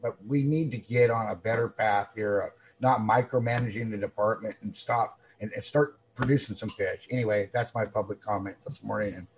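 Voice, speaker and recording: A man giving a public comment at a meeting, upset and halting, repeating words as he speaks over a remote call. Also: on the low side, fairly even intonation, poor audio. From Washington State.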